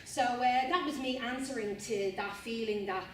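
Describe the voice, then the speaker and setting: Recorded from a distance in a very echoey university room, an Irish spoken word artist gives an informal talk to students. Her voice sits on the high side at a moderate pace, with slight background noise. She's earnest and rambling, repeating and restarting phrases and saying "you know what I mean."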